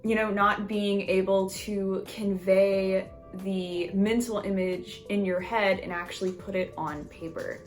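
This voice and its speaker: A woman's voice: medium pitch, steady tone, measured pace, few pauses, faint music behind. Chatty woman artist vlogging. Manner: friendly, chatty, self-deprecating. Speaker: artist and video creator. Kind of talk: scripted vlog narration.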